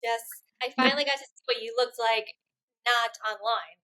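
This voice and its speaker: A woman from Poland, raised elsewhere, talking casually as a podcast guest in a relaxed, joking, conversational way. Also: a little high, moderate pace, rough recording. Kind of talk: casual interview chat.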